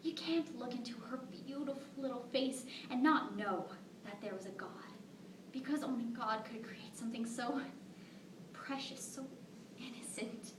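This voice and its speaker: A woman performing as a fond young mother in a stage monologue. She has a fairly high voice and chats to her listeners as she tells her story, heard across an echoing room. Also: moderate pace, close to an everyday voice. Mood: wistful wonder. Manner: conversational storytelling, rhetorical asides to listeners. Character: devoted young mother fondly recalling her daughter. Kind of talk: dramatic monologue performed at a competition. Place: echoing room, recorded from a distance. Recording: roomy, distant mic with faint noise.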